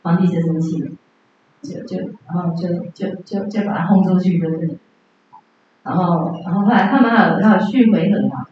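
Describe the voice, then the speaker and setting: A woman's voice: on the low side, brisk, a little hiss or hum. A woman giving a lecture on Buddhist teaching who chats with her class and often asks them questions. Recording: very echoey, dull lo-fi room.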